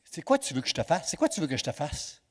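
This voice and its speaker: Quiet, measured Jesus figure, gently questioning, voiced by a male preacher. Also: a little high, very animated, slightly rough, big-room sound. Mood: calm. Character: calm Jesus questioning a blind man.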